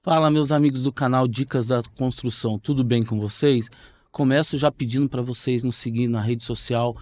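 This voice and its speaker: A man's voice: mid-range voice, fairly even intonation, moderate pace, a little mellow, no room sound. A man hosting a podcast, chatting in a friendly way with his guest. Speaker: podcast host. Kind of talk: casual interview chat.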